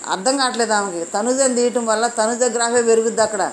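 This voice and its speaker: A woman's voice: fairly high pitch, fairly even intonation, fast, slight background noise, rough recording. A woman reviewing a reality show, opinionated and indignant, firing off rhetorical questions.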